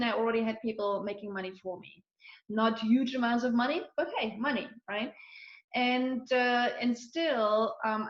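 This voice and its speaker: Woman from eastern germany, 40s, chatty and full of ums, higher voice, echoey dull audio. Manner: chatty, many fillers and restarts. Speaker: guest. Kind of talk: casual conversational interview.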